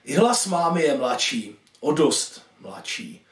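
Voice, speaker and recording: A man reading his own short story aloud, expressive and voicing each caller in turn. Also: fairly high pitch. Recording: echoey room, distant mic.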